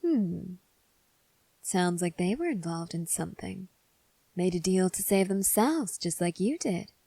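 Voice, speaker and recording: Lady doing an asmr roleplay as a cynical crook woman, slow taunting threats, super dry close sound. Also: on the low side, lively intonation, mellow, no room sound. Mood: dry, probing. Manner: sardonic, teasing, unhurried. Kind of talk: ASMR role-play.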